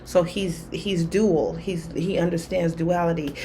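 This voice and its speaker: A woman's voice: fairly low pitch, fairly even intonation, unhurried, dark tone, a little hiss or hum. A woman talking candidly to camera in a rambling, casual way, full of fillers. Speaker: spiritual vlogger. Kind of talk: casual personal talk to camera.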